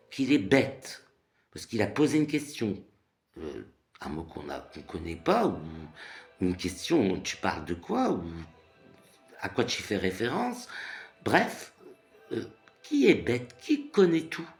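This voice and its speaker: A French vlogger in his thirties with a lowish, slightly bright voice. He rants casually through a rambling monologue, full of fillers and repeated phrases.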